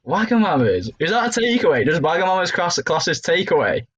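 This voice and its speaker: Young man, husky, chatty. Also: high-pitched, sing-song, a little fast, fairly bright tone, highs cut off. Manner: swearing, laughing, rambling. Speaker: podcast co-host. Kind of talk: casual banter among friends.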